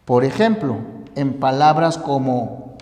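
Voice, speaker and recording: A teacher slowly explaining a grammar lesson, asking rhetorical questions to the students. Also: medium pitch, warm tone. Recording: echoey room with long reverb.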